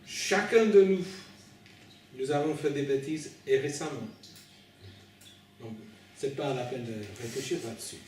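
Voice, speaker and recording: A man who is not a native French speaker preaches informally in French with a foreign accent, in a halting, hesitant way, repeating and correcting his words as he addresses listeners directly. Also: medium pitch, darkish tone. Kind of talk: informal sermon at an evening meeting. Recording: very echoey room, distant mic, faint noise.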